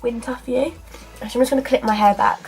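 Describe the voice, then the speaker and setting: A woman in her twenties with a stuffy cold rattles through a casual makeup tutorial as a beauty vlogger, chatty and full of fillers while she applies makeup. Her rapid-fire voice is on the high side, fairly even and darkish in tone. A camera at arm's length in her small dressing area records her in low quality, with faint music behind.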